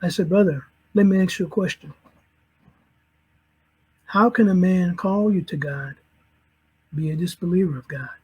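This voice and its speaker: A middle-aged man from St. Louis tells his personal testimony in a husky, slightly breathy voice. He pitches high for a man and talks earnestly. He carries the story by quoting back and forth what each person said. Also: moderate pace, pauses often, darkish tone, lo-fi sound. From St. Louis, Missouri, USA. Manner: earnest, recounts conversations in quoted dialogue. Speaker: convert telling his story.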